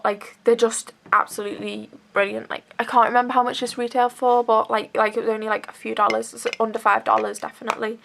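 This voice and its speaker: A woman's voice: fairly high pitch, vocal fry, a bit bright, slight background noise. A young woman chatting through a beauty haul, bunged up with a cold and rambling with lots of fillers. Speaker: beauty vlogger. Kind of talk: casual haul chat.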